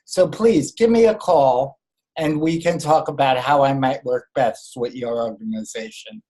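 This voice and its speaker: A man with unusual, impaired-sounding speech delivering a rehearsed first-person pitch as a keynote speaker on a video call. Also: measured pace, mellow, low-quality recording. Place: online group video call.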